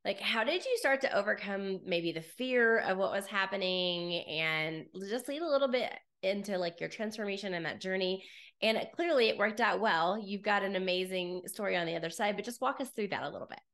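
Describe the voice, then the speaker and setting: Woman podcast host; bright, enthusiastic interviewer who asks long, rambling questions. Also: medium pitch, fairly quick.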